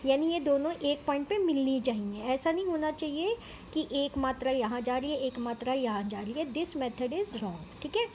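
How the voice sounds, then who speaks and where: A woman's voice: high-pitched, normal speed, darkish tone, slight background noise. A woman teaching children Hindi vowel signs, sounding out syllables patiently and explaining words, mixing in English terms. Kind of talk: slow, careful Hindi lesson for children.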